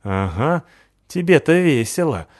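A man's voice: a little high, very animated, a little slow, a little mellow, no room sound, pitched above the performer's own voice. A man voices a sceptical male cat in a children's storybook. His answers come out dry and offhand, and he sounds unimpressed by everything.

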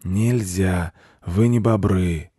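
A man voicing a very old grey male beaver, a pompous zealot who speaks slowly and solemnly. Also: deep voice, dark tone, husky, no room sound, clean studio sound, full character voice. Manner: slow, solemn and self-important.

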